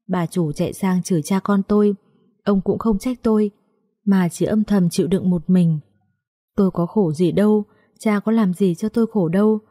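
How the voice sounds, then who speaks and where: Warm-voiced woman telling a story. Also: mid-range voice. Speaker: narrator. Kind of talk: scripted first-person story narration.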